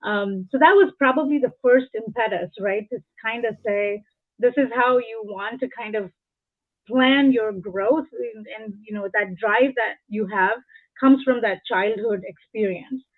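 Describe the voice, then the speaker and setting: A woman's voice: on the high side, a little slow. Woman guest on a tinny line. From India. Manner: earnest, explains through personal examples. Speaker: guest, engineering leader. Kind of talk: reflective interview talk. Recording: tinny phone-like call audio.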